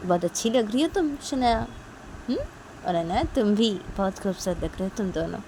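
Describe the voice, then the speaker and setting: A woman's voice: medium pitch, lively intonation, brisk, dark tone, natural voice, poor audio. A woman voicing an affectionate middle-aged mother who coaxes with short questions, with traffic noise behind. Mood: teasing. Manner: coaxing questions with "haan?".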